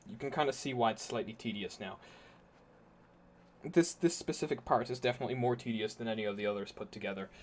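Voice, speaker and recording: A man chatting on a casual live stream, thinking aloud as he explains what he is doing, in an easygoing way. His voice sits at an ordinary middle pitch and sounds a little worn from talking. A faint hiss of noise stays under it. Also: fast talker.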